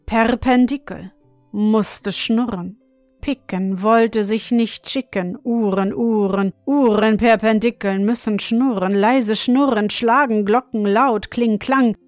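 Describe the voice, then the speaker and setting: A woman voicing an odd old godfather and clockmaker, who chants a rasping, monotone clock song and speaks gruffly. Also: fairly high pitch, takes it slowly, no echo, faint music behind. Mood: chanting. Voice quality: rasping, monotone when singing.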